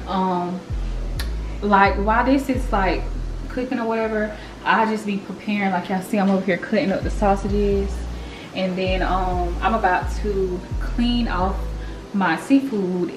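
A woman's voice: mid-range voice, steady tone, unhurried. A young woman, chatting casually to viewers while she cooks in her home kitchen. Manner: chatty, loose and informal, talks straight to viewers. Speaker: vlogger. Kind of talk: casual cooking vlog. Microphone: camera mic, filmed by a helper. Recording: background music under the voice.

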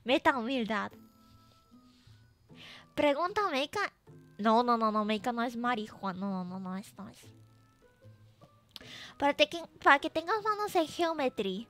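A woman's voice: on the high side, sing-song, unhurried, long pauses, a bit bright, soft background music. A woman streaming as a VTuber, chatting casually and playfully, teasing her chat and reading messages aloud.

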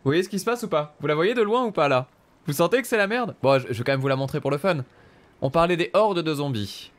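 Quick and animated, a man with a voice on the high side gives casual, joking commentary while presenting his gameplay. He exclaims often and talks directly to his viewers.

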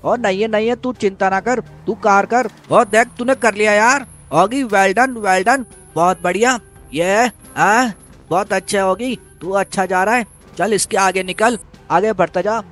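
A man doing a shrill, hyped cartoon cheerleader. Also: unhurried, fairly bright tone, faint music behind. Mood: cheering. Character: loud excited male cartoon cheerleader.

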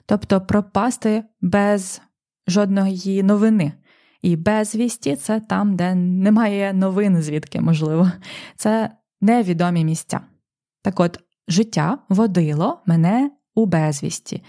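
A young adult woman hosting a podcast language lesson, explaining a poem slowly and carefully, with pauses. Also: mid-range voice, dark tone. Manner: slow, careful, with pauses and fillers. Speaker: language teacher and podcast host.

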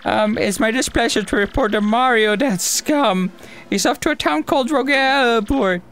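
A man's voice: very high-pitched, moderate pace, fairly bright tone, pitched above the performer's own voice. A man voicing a fussy, fawning old female Koopa witch who serves a monster king. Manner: fawning, overly polite. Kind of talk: voicing game dialogue.

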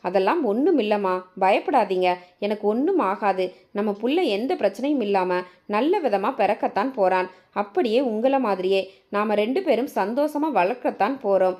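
Gentle, soothing young wife, as a woman storyteller reads her lines, pleading softly. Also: medium pitch, expressive, normal speed, natural voice.

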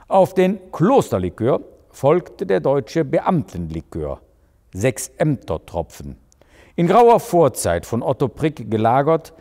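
A male crime author reading aloud from his own novel in a lively, expressive way. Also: mid-range voice, long reverb tail.

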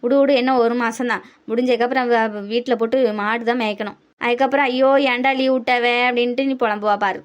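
A woman playing a brisk bossy neighbour. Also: a little high, steady tone, lightly acted. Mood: chiding. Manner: brisk, chiding, matter-of-fact. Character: bossy neighbour woman, older-sister type, practical. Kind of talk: cartoon comedy voice acting.

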